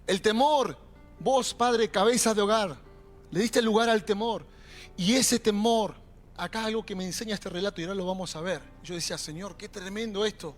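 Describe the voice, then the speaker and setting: A young adult man preaching a sermon in a Rioplatense accent, animated and calling out to the congregation. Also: high-pitched, normal speed. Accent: Rioplatense Spanish. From Argentina. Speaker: pastor. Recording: faint music behind.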